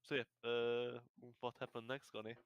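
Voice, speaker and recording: A man's voice: medium pitch, little pitch movement, normal speed, smooth. A man running a tabletop game who playfully prompts his players to recap the last session. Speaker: game master. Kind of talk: casual game recap chat.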